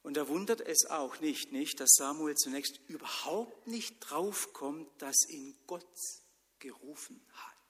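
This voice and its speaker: A man preaching a sermon in church, telling stories and swinging between loud lines and whispers. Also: on the high side, measured pace, hardly any pauses. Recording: long church reverb.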